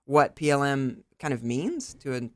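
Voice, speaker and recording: A man's voice: mid-range voice, moderate pace. A man with a mid-range voice co-hosts a podcast and talks frankly, often joking at his own expense. The sound is dry and close, with no room echo. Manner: candid, self-deprecating, animated. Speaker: podcast co-host. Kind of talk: casual chat.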